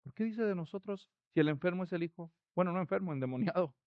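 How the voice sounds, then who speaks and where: A man preaching a sermon, expressive and rising to loud, emphatic quotes. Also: high voice, fast, dry recording, dull audio.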